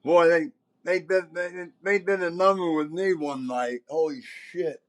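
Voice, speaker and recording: A man in his seventies, a podcast host and former concert promoter, tells casual stories in a rambling, emphatic, salty way. His voice sits slightly high, with fairly even intonation and a measured pace.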